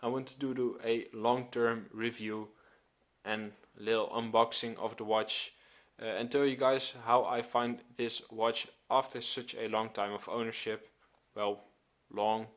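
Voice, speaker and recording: A man of twenty hosting his own channel, giving a relaxed, filler-filled watch review. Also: mid-range voice, unhurried. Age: 20s. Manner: relaxed, hesitant with many fillers. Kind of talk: casual video review.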